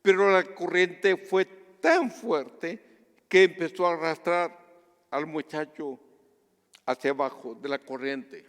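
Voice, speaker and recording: A man from Guatemala preaches a sermon at an unhurried pace. His voice sits high and comes through clean and smooth. The sound carries a long reverb, as in a large church hall. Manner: earnest, measured preaching that drops to a hush on personal stories. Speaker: pastor.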